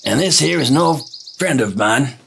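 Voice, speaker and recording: A man acting a laid-back, affectionate dude with a gravelly voice in a comic audio drama. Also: medium pitch, lively intonation, normal speed, fairly bright tone, slight background noise. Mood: easygoing.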